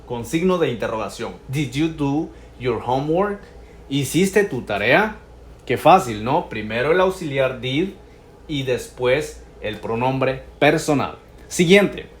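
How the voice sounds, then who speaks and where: A man teaching English grammar in Spanish, patiently going over each example and repeating the English phrases slowly. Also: mid-range voice, animated, roomy sound.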